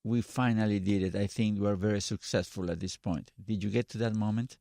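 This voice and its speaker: A man's voice: on the low side, steady tone, fairly quick, vocal fry, dark tone, no echo, studio quality. A man whose first language is Spanish, hosting a casual podcast interview and feeling for words as he asks his questions in English. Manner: searching for words, asking in short restarts. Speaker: podcast host.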